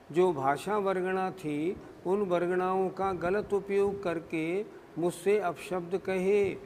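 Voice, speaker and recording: A male religious scholar explains scripture at a slow, deliberate pace, often posing a question and then answering it. His voice sits high. It rings in a long hall reverb over a faint background hum. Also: a little mellow. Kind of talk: scriptural discourse.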